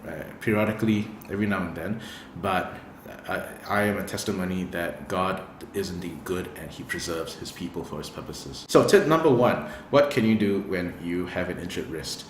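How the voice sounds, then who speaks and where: Earnest male vlogger, thirties, deep voice, frequent "uh"s, slight room echo. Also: a little hiss or hum. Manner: earnest and encouraging, with frequent fillers. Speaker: worship guitarist and video host. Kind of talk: casual talk to camera. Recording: echoey room with faint ambience.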